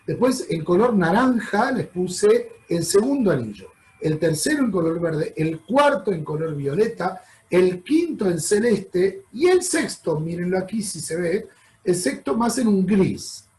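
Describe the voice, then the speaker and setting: Over a slideshow, a Rioplatense-accented travel presenter chats and explains, addressing the audience as "chicos" and often asking "¿ok?". His voice is high, animated and darkish in tone at a measured pace, and the audio is poor.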